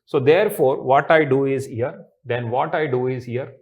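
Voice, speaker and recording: A man's voice: mid-range voice, normal speed, a little mellow. A man in his thirties with an Indian accent lecturing on mathematics at a board, often repeating his phrases and checking in with students. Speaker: mathematics teacher. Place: indoor teaching studio with blackboard.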